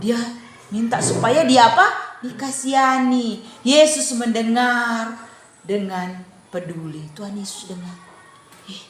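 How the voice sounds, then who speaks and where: A woman with a high voice leads a children's Bible lesson, unhurried and animated, quizzing the class as she goes. The sound is roomy, with the echo of a classroom and faint noise behind her. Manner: animated storytelling with questions to the class. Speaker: Sunday school teacher.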